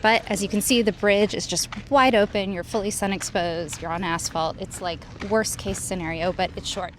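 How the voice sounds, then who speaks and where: A woman's voice: medium pitch, fairly even intonation, moderate pace. A woman vlogger talking casually to camera as she narrates a recap of her run. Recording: noisy outdoors with traffic and ambience.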